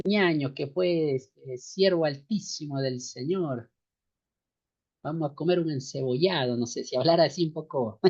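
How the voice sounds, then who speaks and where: A man from the highlands, teaching a seminary class online in a slow, repetitive way, often tagging a rhetorical question onto what he says. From Ecuadorian highlands. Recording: dull lo-fi sound.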